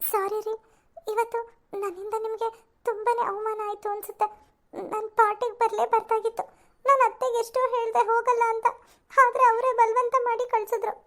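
A woman voicing a gentle, hurt young housewife who speaks softly and apologetically in a cartoon. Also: very high-pitched, little pitch movement, brisk. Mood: meek. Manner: soft, apologetic.

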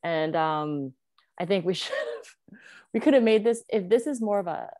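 A woman's voice: mid-range voice, expressive, moderate pace, mellow, no room sound, clean studio sound. A young woman, a podcast guest, chatting casually with many hesitations and laughs. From United States.

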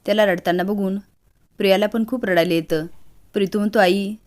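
A woman narrating a TV serial recap in brisk storytelling, reading out every role herself. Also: mid-range voice, fairly even intonation, darkish tone.

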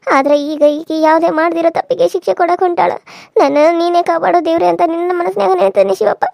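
A woman's voice: extremely high pitch, fairly even intonation, fast, vocal fry, darkish tone, no room sound, studio quality, full character voice. A woman voicing a frightened village woman in a cartoon serial, pleading tearfully. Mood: praying.

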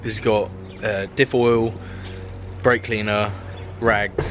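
A young British man in a garage and driveway chats casually about working on a car for his vlog, filmed on a handheld camera with noisy audio. He speaks slowly in a lowish voice with a level tone and a fairly bright timbre.

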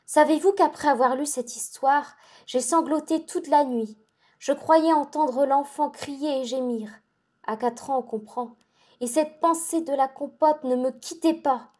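A feverish young girl who swings between rapture and dread, her speech breathless and urgent, as a woman reads her. The voice sits fairly high, with a soft, mellow tone. This is a dramatic audiobook reading. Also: a little slow. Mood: pleading. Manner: excitable, breathless, intense.

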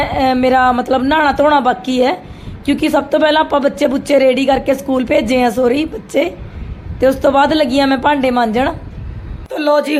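A middle-aged woman with an Indian Punjabi accent and a sore, hoarse throat, chatting casually as she narrates a daily family vlog. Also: high voice, a little mellow, a little hiss or hum. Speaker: family vlogger.

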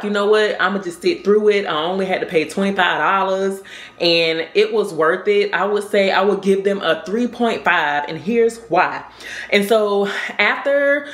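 A woman's voice: lowish voice, a bit bright. A woman, chatting casually in a vlog and telling stories with rambling asides. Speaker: vlogger. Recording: roomy echo.

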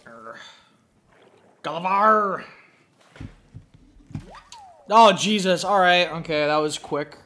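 A man's voice: a little high, moderate pace, hardly any pauses, fairly bright tone. Swearing man narrating his gameplay. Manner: profane, muttering to himself. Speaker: gameplay commentator. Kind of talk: casual gameplay commentary.

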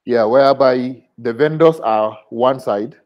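A Nigerian-accented man, attending a group webinar, poses an unscripted question in a mid-range voice at a measured pace. His video call microphone gives the recording a dull, lo-fi quality.

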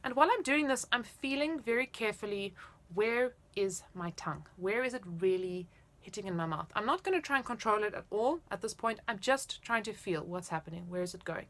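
A woman's voice: mid-range voice, expressive, brisk, fairly bright tone. A woman in her thirties giving casual, explanatory and encouraging music instruction to camera. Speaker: flute teacher. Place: indoors, small room at home.

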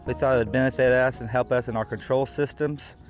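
A man's voice: mid-range voice, steady tone, fairly quick, music in the background. A middle-aged man, a farmer speaking practically in an on-camera interview outdoors, with fillers. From United States.

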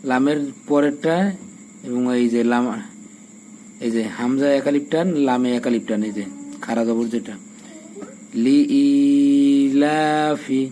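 Man teaching quran reading, flat even voice, spells letters then chants words long and slow, faint crickets behind. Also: mid-range voice, a little hiss or hum, poor audio. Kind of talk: Quran recitation lesson.

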